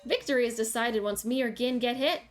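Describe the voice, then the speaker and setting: A woman reading aloud the lines of a smug, cruel young woman in a game, in a calm, taunting way. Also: fairly high pitch, brisk, soft background music, close to an everyday voice.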